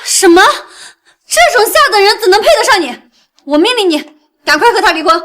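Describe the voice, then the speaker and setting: An actress playing an arrogant, spoiled young heiress who talks in a haughty, demanding way. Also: female voice, very high voice, expressive, brisk, fairly bright tone.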